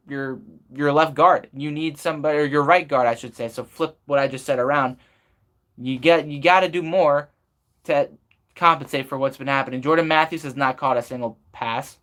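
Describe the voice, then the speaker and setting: Male sports fan streamer, voice a bit on the high side, unscripted commentary, frustrated and opinionated, hammers points by repeating them. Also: a bit bright. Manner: frustrated, opinionated venting with emphatic repetition.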